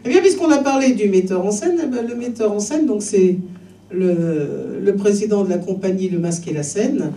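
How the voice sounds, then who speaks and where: A man's voice: sits high, expressive, moderate pace, warm tone. A man hosting a small gathering, introducing a guest in a chatty, hesitant way. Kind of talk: casual introduction. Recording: roomy, distant amateur video recording.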